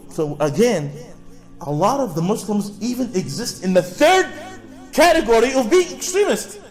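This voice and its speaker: A man giving a public talk, often posing rhetorical questions, repeating and restarting phrases, and drawing answers from the audience. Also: sits high. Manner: repetitive, with frequent restarts; draws responses from the audience. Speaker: lecturer.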